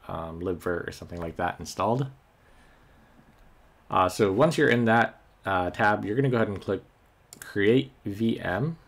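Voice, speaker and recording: Narrating a screen-recorded software walkthrough, a man speaks in a fairly low voice. He's relaxed and unscripted, dropping many ums and uhs as he clicks through each step of the tech tutorial.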